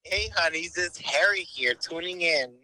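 A man's voice: a little high, a crowd in the background, poor audio. A man calling in over a phone on speakerphone from his car, joking and playing along in casual chat. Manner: playful, teasing, quick to play along. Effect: heard over a phone on speakerphone. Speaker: caller. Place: car on the highway.

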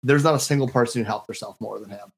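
A man's voice: mid-range voice, fast, vocal fry. Enthusiastic slangy man on a sports podcast. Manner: enthusiastic, slangy, says "dude" and "like". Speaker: podcast co-host. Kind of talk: casual sports podcast chat.

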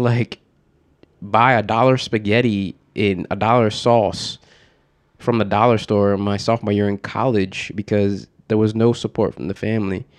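A young man from Connecticut talking candidly as a podcast guest, laughing often and getting animated when he quotes people. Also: fairly low pitch. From Connecticut, USA. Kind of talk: casual reflective conversation.

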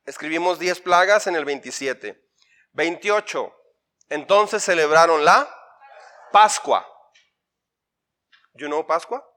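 Speaking slowly with long pauses, this pastor has a slightly high voice that sounds pushed and bright. He's leading a participatory Bible workshop for a church congregation, playfully drilling them with questions and lists over and over.

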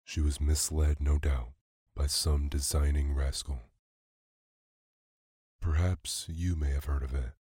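A man voicing a polished, scheming gentleman villain who speaks in a measured, composed way. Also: extremely low pitch, fairly even intonation, husky, dry recording, clean studio sound, full character voice. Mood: smooth.

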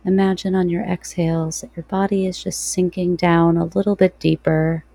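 Soft, slow woman guiding meditation, dark voice. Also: lowish voice, little pitch movement, creaky, no echo. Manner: soft, slow, soothing delivery with long pauses. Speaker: podcast host. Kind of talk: guided breathing meditation.

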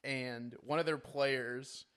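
A young man co-hosting a casual sports podcast, joking and chiming in quickly. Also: mid-range voice, steady tone, fairly bright tone, clean tone. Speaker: podcast co-host. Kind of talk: casual chat.

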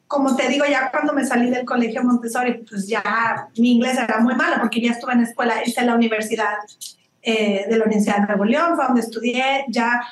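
A Mexican woman in her forties, a business founder being interviewed, telling her story in a chatty, animated way with tag questions and bits of English mixed in. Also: on the high side, brisk. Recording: roomy room with faint background noise.

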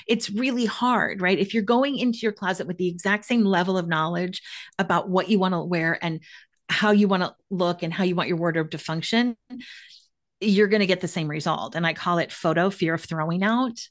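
A woman's voice: lowish voice, brisk. Forties woman stylist chatting about clothes, upbeat, keeps repeating the point. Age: 40s. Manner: upbeat, emphatic, repeats key phrases. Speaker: wardrobe stylist guest. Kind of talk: casual advice chat.

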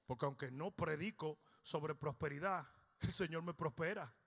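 A male pastor, preaching a humorous sermon that swings from shouting to low, joking storytelling. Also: normal speed, creaky, slightly rough.

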